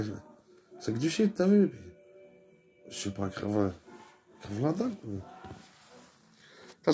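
A young male vlogger rambles casually with a friend, tired and drowsy, slangy and profane, and laughing often. His mid-range voice is gravelly, husky and darkish in tone.

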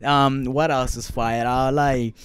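In relaxed interview answers, a Puerto Rican man who founded a clothing brand talks loose, profane street slang heavy with fillers, Spanish being his first language. His medium-pitched voice is smooth and fairly even in intonation, delivered slowly with no echo.

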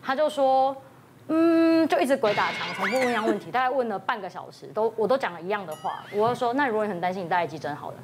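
On a TV talk show, a woman emergency room doctor tells an anecdote, quickly switching into quoted voices to act out a worried mother's lines. Her voice is mid-range with lively intonation, and music plays in the background.

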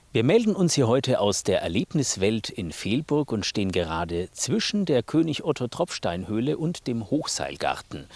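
A man's voice: mid-range voice, no echo. A man in his thirties presenting a scripted TV magazine piece outdoors into a handheld microphone. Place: outdoors in a forest.

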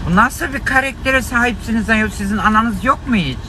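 High-voiced man ranting from a car. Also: fairly quick, rough recording. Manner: indignant, scolding, exclamatory. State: hoarse from shouting. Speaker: livestreamer. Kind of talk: live-stream rant to viewers. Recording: loud car and street noise.

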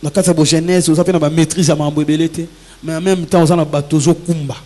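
A man's voice: on the high side, little pitch movement, fast talker, mellow. A man who is a musician guest, talking earnestly and reflectively in a casual interview, giving advice. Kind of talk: casual interview talk mixing Lingala and French. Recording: long hall reverb with faint music.

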